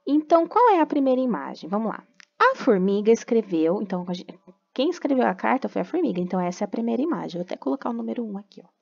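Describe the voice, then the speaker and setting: A woman's voice: on the high side, very animated, fast talker, gravelly, darkish tone, dull audio. A woman from Brazil teaching a remote class, patiently explaining step by step and checking in with tag questions.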